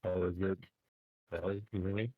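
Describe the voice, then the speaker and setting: A man's voice: low voice, little pitch movement, fairly quick, no echo. A man playing in a tabletop game over a voice call, his audio garbled and breaking up as if underwater, speaking hesitantly. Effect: garbled underwater-sounding call audio. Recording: muffled, distant garbled call line.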